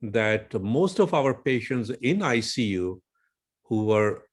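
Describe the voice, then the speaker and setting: Slow, measured Indian-accented male doctor. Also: lowish voice, big pitch swings. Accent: Indian English. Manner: slow, measured, citing figures. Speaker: physician guest. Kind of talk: measured interview explanation.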